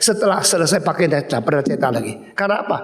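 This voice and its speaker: Animated male preacher in a reverberant hall. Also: on the high side, racing. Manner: animated storytelling, acting out quoted voices. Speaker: pastor. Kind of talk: sermon.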